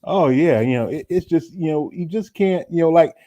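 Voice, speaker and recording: A man from North Carolina hosts a casual MMA talk show, rambling and restarting his sentences. His voice is dark and mellow, and the sound is dry and close. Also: fairly high pitch, lively intonation, normal speed, dry recording. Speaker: podcast host.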